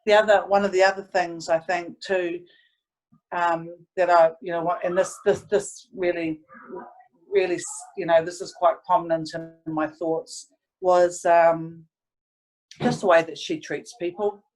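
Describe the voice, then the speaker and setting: A woman's voice: fairly low pitch, little pitch movement, unhurried, a little mellow, low-quality recording. A woman, reflecting earnestly and hesitantly as she tells stories in a casual interview. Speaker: interviewee, sports team staff member.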